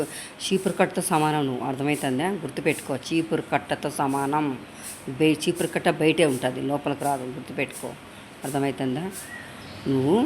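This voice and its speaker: A woman's voice: low voice, slight background noise. Woman in a scolding political rant. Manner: scolding, insulting, keeps demanding agreement. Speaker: political supporter. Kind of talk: angry political rant to camera.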